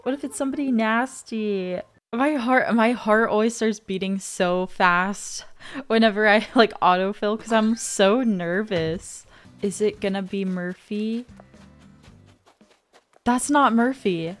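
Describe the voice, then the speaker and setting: A woman's voice: medium pitch, slow, faint music behind. A young woman casually commenting on her gameplay, chatty and easily spooked, with gasps and giggles. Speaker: gaming streamer. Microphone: studio dynamic mic.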